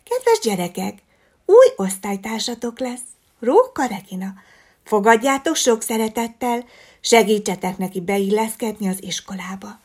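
A woman voicing a kind, warm-hearted owl schoolteacher who speaks in a gentle, coaxing way. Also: mid-range voice, expressive, breathy edge. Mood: kindly.

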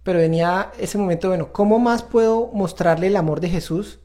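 A man's voice: high-pitched, fairly quick, warm tone. A man hosting a faith-based parenting talk, earnest and confessional as he speaks straight to viewers. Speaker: parenting show host.

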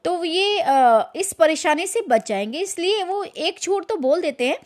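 Woman, high-pitched voice, storyteller, reads aloud, reflective afterword. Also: expressive, a little slow, darkish tone. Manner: reads dramatically, then comments with fillers. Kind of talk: reading a short story aloud.

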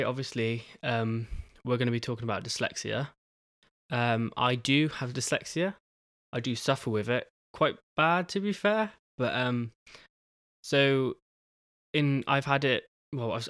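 A young man hosting his own podcast in a casual solo talk, halting, with many pauses and restarts. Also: mid-range voice, a bit bright, no echo, clean studio sound. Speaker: podcast host.

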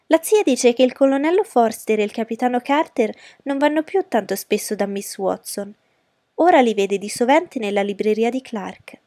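A woman voicing a giddy teenage girl who chatters in an excited, loud way. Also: on the high side, moderate pace, dry recording, studio quality, pitched above the performer's own voice, lightly acted. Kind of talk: audiobook character voice.

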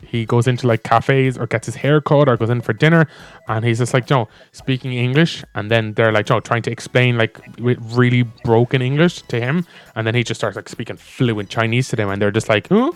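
A man with a smooth, medium-pitched voice speaks at a moderate pace while co-hosting a casual conversation. He reads and retells stories in a rambling way, packed with fillers and plenty of "like." Soft background music plays.

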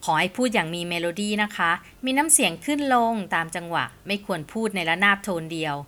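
A woman host giving a scripted podcast lesson on communication, polite and measured, with punchy short lists. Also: fairly low pitch, lively intonation. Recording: soft music bed behind the voice.

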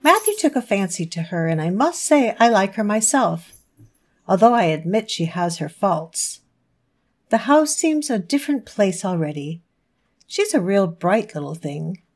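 A woman playing a stern but fair older spinster who speaks in a firm, measured way. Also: mid-range voice, big pitch swings, a little mellow. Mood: calm.

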